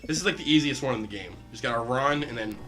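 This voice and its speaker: A man's voice: mid-range voice, faint music behind. A man casually commenting while playing a video game. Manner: quick, lively, casual. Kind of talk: let's-play commentary.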